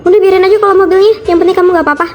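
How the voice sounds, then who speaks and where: A woman voicing a bold rich young woman in a dubbed cartoon drama, quick and assertive. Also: very high voice, fairly even intonation, darkish tone. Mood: worried.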